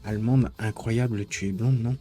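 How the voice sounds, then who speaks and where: A man's voice: fairly low pitch, fairly even intonation, moderate pace, dark tone, faint music behind. A man chatting casually with his live-stream viewers, rambling and joking as he teases the chat.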